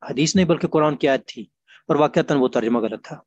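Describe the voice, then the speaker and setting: A man teaching an online grammar class, explaining patiently and repeating examples slowly. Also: a little high, no echo, muffled recording.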